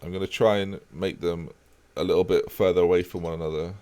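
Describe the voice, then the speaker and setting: With a low, clean-toned voice, a man speaks fast while playing a football management game on stream. He chats with his viewers in a relaxed, easygoing way.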